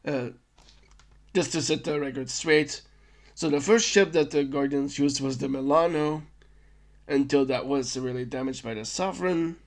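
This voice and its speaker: Hosting a podcast, a man with a slightly high voice speaks at normal speed while recapping a film. His delivery is casual and rambling, with regular self-corrections and stammers on restarts.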